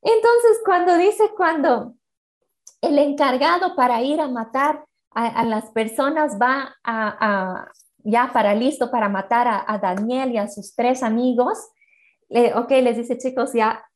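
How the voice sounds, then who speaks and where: Higher-voiced woman retelling a Bible story. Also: a little slow. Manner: storytelling with frequent tag questions; acts out quoted speech. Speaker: Bible teacher. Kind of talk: Bible story retold as a sermon.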